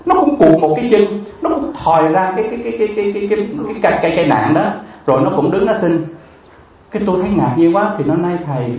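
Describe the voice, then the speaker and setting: Fast-talking monk, echoey. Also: male voice, medium pitch, a little mellow, slight background noise. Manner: vivid, emotional storytelling with many repeated fillers. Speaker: Buddhist monk. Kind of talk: storytelling sermon. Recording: echoey room, distant mic, faint ambience.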